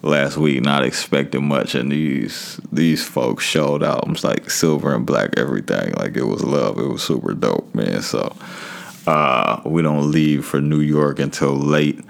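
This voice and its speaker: A man's voice: rumbling low, unhurried, creaky. A man hosting a podcast solo in a casual, slangy, conversational way, talking straight to his listeners. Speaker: podcast host.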